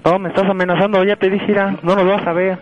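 A man's voice: sits high, level tone, quick pace, muffled recording, pitched above the performer's own voice, natural voice. A man playing a stubborn young man on a radio prank call, who defiantly refuses to give in.

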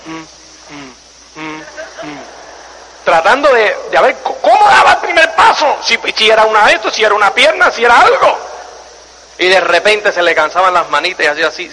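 A man giving a lively motivational talk to an audience, acting out little scenes and repeating lines for emphasis, asking the listeners questions. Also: sits high. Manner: animated storytelling, acts out scenes and voices. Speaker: motivational speaker. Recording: long hall reverb, faint noise.

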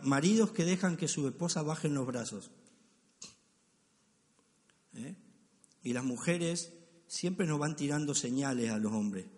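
A man's voice: mid-range voice, darkish tone. A man preaching a sermon as pastor, driving his points home and often checking in with the congregation. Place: church hall. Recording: long church hall reverb.

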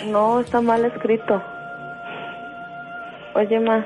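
A woman's voice: a little high, level tone, slow pace, rough recording. A young woman on a radio prank call, giving short, hesitant replies. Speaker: prank caller, the woman's daughter. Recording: radio broadcast with music behind.

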